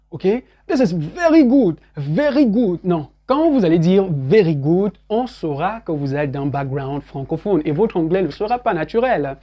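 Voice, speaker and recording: A man giving an online English pronunciation lesson. He drills words slowly, repeats them several times and often adds little check-in tags. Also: fairly high pitch, darkish tone.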